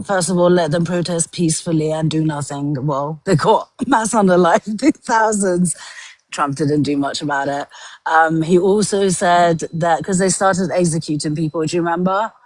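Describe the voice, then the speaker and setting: A woman's voice: lowish voice, normal speed, darkish tone, no room sound, poor audio. A woman from Iran, a guest on a livestream, who speaks earnestly, laughs often and hedges her points. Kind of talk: political debate on a livestream.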